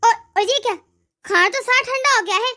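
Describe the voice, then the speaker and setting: Woman doing a harsh, loud scolding mother-in-law. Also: very high-pitched, fairly quick. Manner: loud, sneering taunts. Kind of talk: cartoon voice acting.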